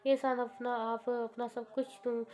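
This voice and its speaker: A woman's voice: on the high side, little pitch movement, moderate pace, lightly acted. A woman voicing an ardent young man who pleads earnestly and teases playfully, in a dull lo-fi recording. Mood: pleading.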